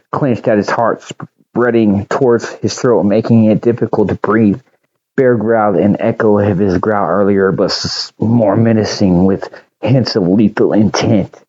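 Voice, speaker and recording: A man narrating a storybook audiobook in a measured, slightly halting reading. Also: lowish voice, dark tone, lo-fi sound.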